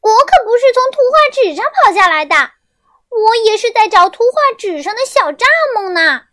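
A woman voicing a small, excitable female grasshopper in a children's story, shrill and insistent. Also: moderate pace. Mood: protesting.

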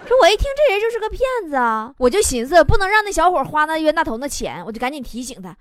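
A woman's voice: high voice, fast, very noisy. A woman hosting a comedy radio show, reading listener jokes aloud and laughing often. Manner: laughs often, animated joke telling.

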